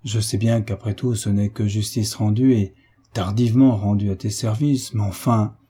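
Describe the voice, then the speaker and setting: A man's voice: lowish voice, fairly even intonation, moderate pace, mellow, husky. A man reading as a hearty old sailor. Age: older. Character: old sailor veteran, joyful, warm uncle.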